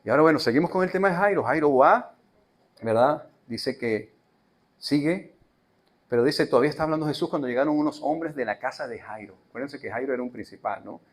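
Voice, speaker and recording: A male pastor delivering a sermon, emphatic and repetitive, swinging between loud declarations and soft, quiet appeals. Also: mid-range voice, fairly quick.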